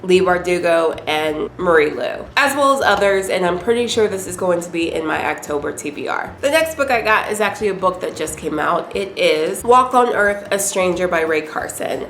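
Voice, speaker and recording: A woman's voice: medium pitch, a bit bright. A woman with a cold, chatting casually and upbeat about the books she bought, sometimes unsure how to say a name. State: sick with a cold. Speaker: book vlogger. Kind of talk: casual book haul talk. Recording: echoey room, faint ambient noise.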